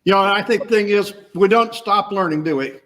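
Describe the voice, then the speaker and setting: Talking a little fast in a fairly bright voice that sits high, a man hosts a podcast over a video call. His casual interview chat is emphatic and peppered with rhetorical questions.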